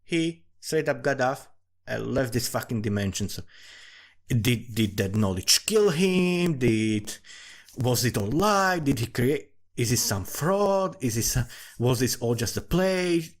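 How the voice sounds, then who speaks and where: A man, an amateur fantasy writer, rambles informally about the fantasy world he's writing, swearing freely, thinking aloud and often restarting phrases. His mid-range voice is expressive and a little slow.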